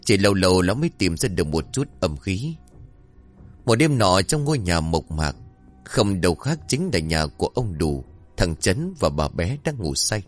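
Lively, low-voiced male storyteller. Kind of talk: scripted ghost story narration.

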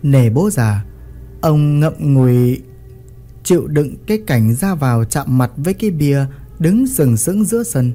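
A man's voice: on the high side, animated, a little slow, mellow, faint music behind. A man narrating a village story in a vivid, earthy storytelling manner.

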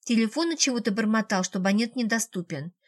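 A woman narrating a novel as an audiobook. Her voice sits a little high and she reads in a brisk, plain way. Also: animated.

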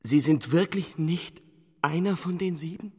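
An actor playing a troubled young king in a radio drama, halting and pleading as he stammers out his fears. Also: on the high side, dark tone, breathy edge, long reverb tail. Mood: anxious.

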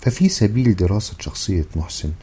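A man narrating a humorous book in a dry, measured storytelling manner. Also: lowish voice, animated, mellow, husky. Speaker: audiobook narrator.

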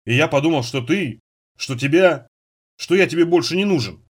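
A man's voice: fairly high pitch, animated, moderate pace, slightly rough. A man voicing a shy, earnest young man. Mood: tender. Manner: mumbling, earnest.

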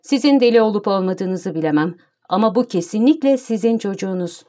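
A woman's voice: medium pitch, animated, fairly quick, warm tone, natural voice. A woman voicing a flustered young hospital nurse in an audiobook, sounding nervous and clipped. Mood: curt. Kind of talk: audiobook character voice.

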